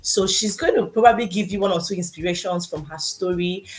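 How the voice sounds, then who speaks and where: A woman's voice: lowish voice, a little fast. A woman hosting her own channel, talking directly to viewers in a casual, chatty way and interviewing a guest. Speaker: host.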